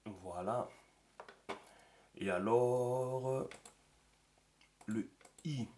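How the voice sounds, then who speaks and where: A man's voice: mid-range voice, drawn-out words, darkish tone, slight background noise. A man teaching a writing system in a screen-recorded tutorial, thinking aloud as he draws and dropping many fillers. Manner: talks to himself while writing, many fillers. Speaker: teacher of a script.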